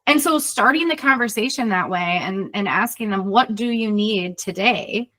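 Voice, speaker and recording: Speaking at a moderate pace in a mid-range, slightly bright voice, this middle-aged consultant answers questions in a conversational interview. She's a leadership consultant and podcast co-host who explains things earnestly, using everyday example questions.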